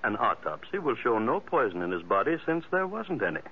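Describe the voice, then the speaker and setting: An actor playing a smug, genteel murderer in an old radio drama, measured and politely menacing. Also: male voice, medium pitch, very animated, a little hiss or hum, natural voice. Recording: thin, phone-like old radio recording.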